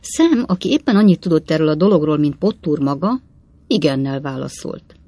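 A woman narrating a classic novel for an audiobook, measured and expressive. Her voice sits low and husky. The recording is dry and close, with no room sound. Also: dry recording.

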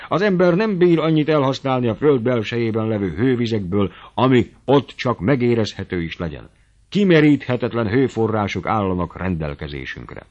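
A man voicing an old man who is a fiery, boastful dreamer, speechifying grandly and loudly, in a storybook reading. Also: medium pitch, lively intonation, highs cut off, voice pushed up, lightly acted. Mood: visionary.

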